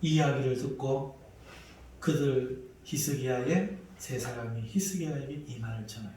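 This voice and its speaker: A male pastor preaching a sermon at a prayer meeting, explaining scripture in animated, everyday talk. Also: mid-range voice, moderate pace, slight background noise. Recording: echoey hall, distant mic.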